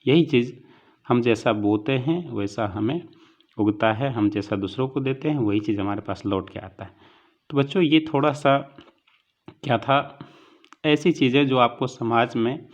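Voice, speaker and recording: A man gives an online lesson in an earnest, fatherly way and keeps calling his listeners children. He mixes English words into Hindi and his pitch sits in an ordinary middle range. The recording sounds muffled and lo-fi. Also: moderate pace. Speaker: teacher. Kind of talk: online lecture with a moral talk.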